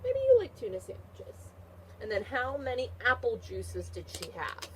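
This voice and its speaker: A woman teacher animatedly reads a picture book aloud to a class of young children, asking comprehension questions and repeating questions and answers in a teacherly way. She is encouraging and praises her listeners, speaking at normal speed with a fairly high pitch over background noise.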